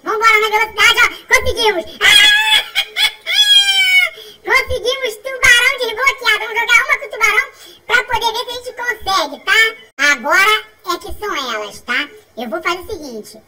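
A woman with a Brazilian Portuguese accent giving excitable, chatty commentary on a mobile game, repeating herself and breaking into laughs and shouts. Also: very high voice, fairly quick, recorded from a distance. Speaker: gaming channel host.

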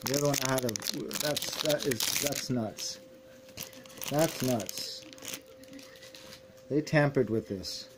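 Man, casual unboxing vlog, indignant and flustered, repeats himself, ordinary pitch, slight background noise. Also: slow pace, long pauses.

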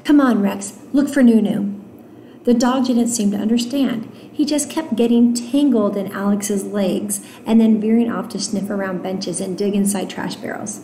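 A woman teacher reading a novel aloud to her students, stopping for gentle explanatory asides with fillers. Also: mid-range voice, fairly even intonation, normal speed, hardly any pauses, slight background noise. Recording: roomy echo.

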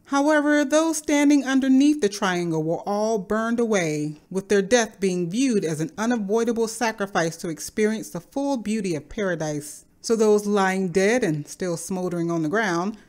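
A woman narrates an explainer at a middle pitch. She speaks in a measured, speculative way, laying out ideas as a video creator would in a scripted commentary. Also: darkish tone.

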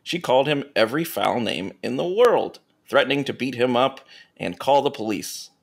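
A man co-hosting a comedy podcast, reading erotica aloud with deadpan asides and casual chat. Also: medium pitch, normal speed, gravelly. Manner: deadpan asides between read passages. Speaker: podcast co-host reading stories.

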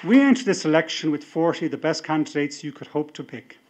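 A man's voice: a little high, expressive, fast talker, very noisy. A middle-aged Irish man giving a rousing political convention speech as party leader at a podium microphone in a large hall. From Ireland. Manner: rousing speech-making, building to emphatic appeals. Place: large hall with a seated audience, indoors.

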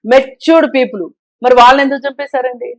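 A woman guest on a talk show, giving her opinions forcefully and pressing her point with rhetorical questions. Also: high-pitched, fairly even intonation, fast talker, no room sound. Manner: emphatic, argues with rhetorical questions. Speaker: social commentator guest.

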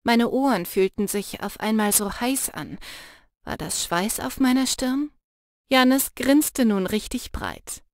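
A woman narrating a first-person fantasy audiobook with lively, expressive storytelling. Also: on the high side, unhurried, no echo, studio quality.

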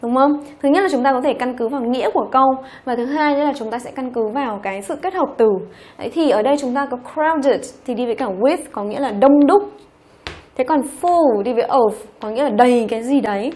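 Brief: female teacher, somewhat high voice, patient step-by-step explainer who keeps checking in. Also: quick pace, darkish tone. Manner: explains step by step, often checks with "ok?" and "đúng không?". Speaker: English teacher. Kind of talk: online exam-review lesson.

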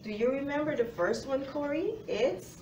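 A woman's voice: high-pitched, animated, normal speed, darkish tone. Woman teacher talking to little kids, encouraging, roomy classroom, bit distant with faint noise. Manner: encouraging, addresses young children directly. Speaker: phonics teacher. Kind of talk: children's lesson presentation. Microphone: far camera.

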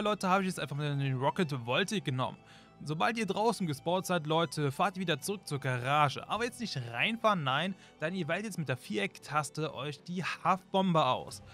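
A man's voice: fairly high pitch, fairly bright tone. A young man narrating a game tutorial in a chatty way, constantly addressing his viewers. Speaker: gaming YouTuber. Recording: faint music behind.

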